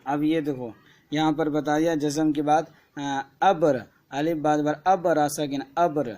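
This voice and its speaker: Man teacher, Kashmiri Urdu accent, slow letter-by-letter spelling drills, slightly high voice. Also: fairly even intonation, a little mellow. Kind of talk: Urdu alphabet lesson for children.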